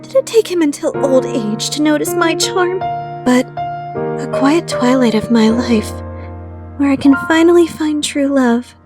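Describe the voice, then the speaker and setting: A woman's voice: high-pitched, measured pace, music in the background. A woman playing a refined, proud, secretly lovestruck teenage girl in an anime fandub radio play. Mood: flustered, hopeful.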